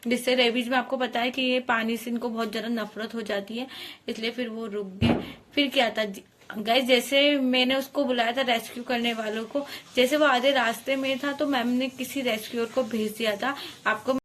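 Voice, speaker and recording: A woman's voice: a little high, fairly even intonation, fairly quick, a bit bright, slight background noise. Earnest chatty woman vlogger. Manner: earnest, chatty, addresses viewers as guys. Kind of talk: casual storytelling to camera.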